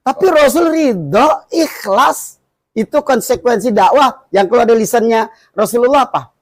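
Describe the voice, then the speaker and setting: A male Islamic preacher from Indonesia talks through his teaching conversationally, with frequent laughter and long repeated lists. His voice sits high for a man. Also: expressive, normal speed, dry recording.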